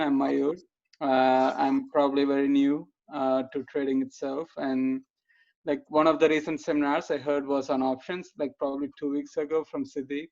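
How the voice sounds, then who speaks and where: Relaxed man on a lo-fi conference call. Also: medium pitch, gravelly. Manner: relaxed, filler-heavy with "uh" and "like". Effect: conference call audio. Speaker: seminar attendee. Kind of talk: casual self-introduction. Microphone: computer mic on an online call. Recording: dull lo-fi call audio.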